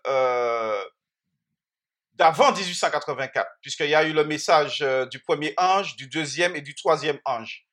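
A Bible teacher leads an interactive sermon, speaking slowly and deliberately. The voice is bright and forceful. The speaker keeps putting questions to the listeners and repeats words, often restarting a phrase before finishing it. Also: medium pitch.

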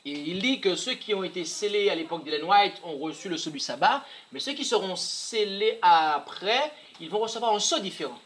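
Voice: medium pitch, animated, brisk, few pauses, fairly bright tone. An interpreter translating a sermon phrase by phrase and reading quoted passages aloud, sometimes restarting words.

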